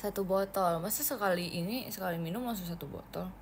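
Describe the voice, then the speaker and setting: A woman's voice: fairly low pitch, fast talker, slight background noise. A young woman chatting casually on a livestream, reading viewer comments aloud in a playful, giggly way.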